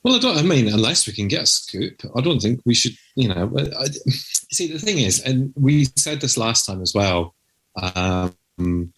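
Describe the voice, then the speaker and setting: A man's voice: medium pitch, animated, normal speed, fairly bright tone, husky. A man hosting a podcast in casual, teasing chat, with a cave-like echo on his voice. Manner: playful, teasing. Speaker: podcast host.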